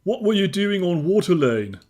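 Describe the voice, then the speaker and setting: A man playing an earnest, naively inquisitive adventurer in a fantasy video game, with probing, deliberate delivery. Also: high voice, big pitch swings, darkish tone. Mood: curious.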